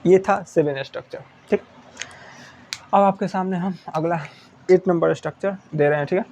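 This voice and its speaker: Young male teacher, slightly high voice, repetitive step-by-step explaining, faint hiss behind. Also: steady tone, normal speed, darkish tone. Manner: repetitive, checking understanding with "thik hai". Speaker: English teacher. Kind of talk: whiteboard lesson in Hindi.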